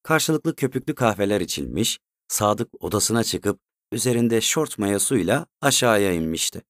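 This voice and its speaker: A man narrating a story in a steady, measured way. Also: on the low side, no room sound.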